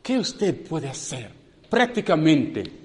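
High-voiced man preaching in a reverberant hall. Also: big pitch swings, a little mellow. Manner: questions the audience, halting non-native Spanish. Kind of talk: sermon testimony to youth.

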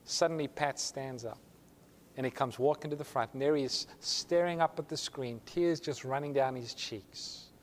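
A man's voice: mid-range voice, moderate pace, slight background noise. A male pastor telling a story in a sermon, acting out the voices of the people in it. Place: church sanctuary. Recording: long hall reverb.

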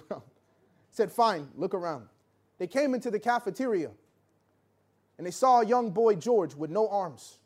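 High-voiced man preaching through a story. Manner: animated storytelling, acting out voices with sudden hushed drops. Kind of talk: sermon storytelling.

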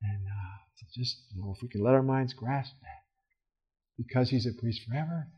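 A man teaching a Bible study in a casual, earnest way, with fillers and restarts, swinging from loud emphasis to soft, quiet asides. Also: medium pitch, moderate pace, husky, muffled recording. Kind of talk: conversational Bible study talk.

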